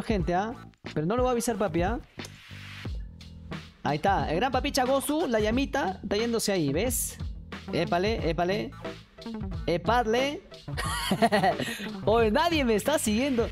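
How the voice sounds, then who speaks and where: A woman, streaming and chattily coaxing her viewers to join a chat game. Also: medium pitch. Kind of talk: casual livestream chat hosting a chat game.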